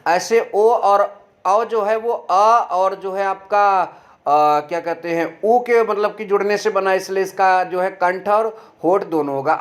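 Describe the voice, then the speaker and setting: A man teaching an online grammar lesson. He explains step by step, asks his own questions and answers them, and sounds out letters slowly and clearly. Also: high voice.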